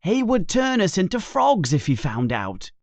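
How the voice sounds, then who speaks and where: A man's voice: high-pitched, wildly swooping pitch, a little slow, no echo, pitched above the performer's own voice, heavily acted. A man voicing a grumpy, sulky schoolboy wizard in a storybook reading. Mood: reluctant.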